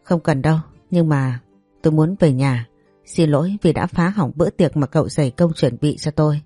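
A woman's voice: low voice, normal speed, mellow, husky, no room sound, faint music behind. A woman voicing a furious, fierce young mother. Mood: weary. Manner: fierce and cursing, then cold.

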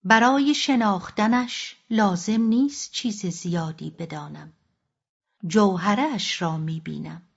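A woman reading the part of a calm, resolute middle-aged wife who speaks quietly and softly, in a dull lo-fi audiobook recording. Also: mid-range voice, gravelly, slightly rough. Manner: calm, quiet, soft-spoken.

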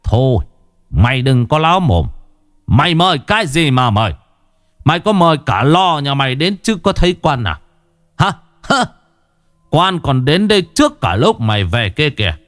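A man's voice: fairly low pitch, sing-song, moderate pace, a little mellow, no echo, clean studio sound. A man voicing a wrathful old village chief, scolding his servant with insults. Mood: angry scolding.

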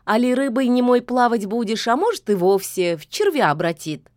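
A sly kikimora house spirit , played by a woman talks in a folksy, mocking way. Her voice sits a little high and bounces around with a storybook liveliness. The recording is dry. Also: lively intonation, moderate pace, darkish tone, dry recording, close to an everyday voice.

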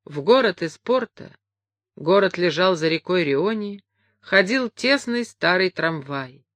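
A woman reading a memoir aloud as an audiobook narrator, measured and expressive. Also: lowish voice, no room sound. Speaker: audiobook reader.

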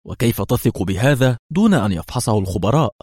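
A man's voice: mid-range voice, animated, fast talker, darkish tone, slightly rough, dry recording, clean studio sound. A man voicing a defiant, fierce young female agent who speaks scornfully.

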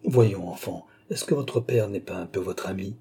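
A man's voice: mid-range voice, normal speed, warm tone, husky, close to an everyday voice. A man reading an audiobook, playing a vain, scheming old baron who talks with irony and cool command. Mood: coaxing. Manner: ironic, coaxing, commanding.

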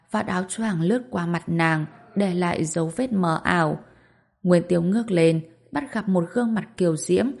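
A woman reading a story aloud as narrator, in a calm and even storytelling manner. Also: lowish voice.

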